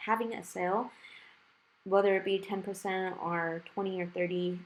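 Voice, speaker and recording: This low-quality recording features a nail art creator's casual voice-over for a tutorial, with music playing. She speaks in a mid-range voice at normal speed with fairly even intonation, chatting and rambling informally. Recent dental work has left her with a lisp and slushy s sounds.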